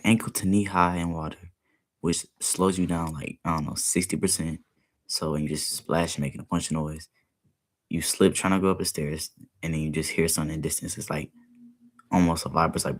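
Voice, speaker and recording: A young man chatting casually while reacting to a video, rambling with lots of filler words. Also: extremely low pitch. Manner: rambling, heavy use of "like" fillers.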